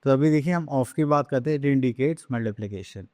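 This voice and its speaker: A man teaching a math lesson on fractions, asking questions and answering them himself, slipping into English terms and reading numbers out slowly. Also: mid-range voice, dark tone, no echo. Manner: drawn-out slow reading of numbers.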